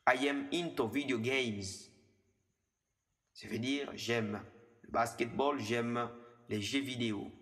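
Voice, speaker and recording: Guy in his 20s teaching english, says the examples slow and twice, echoey reverb-y room. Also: on the low side, a bit bright. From DR Congo. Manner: slows down and repeats the English example phrases. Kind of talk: language lesson explained in French.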